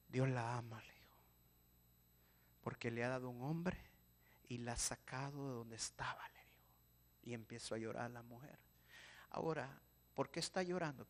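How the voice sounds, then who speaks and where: A male pastor, preaching a sermon and swinging from hushed pleading to loud exhortation. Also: medium pitch. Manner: preaching with sudden shouts and soft pleading drops.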